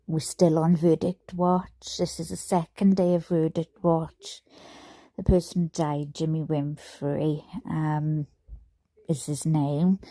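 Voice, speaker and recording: A woman's voice: lowish voice, mellow, no room sound. A Welsh woman hosting a livestream, talking casually with many fillers and restarts into a headset mic. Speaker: livestream host covering a trial.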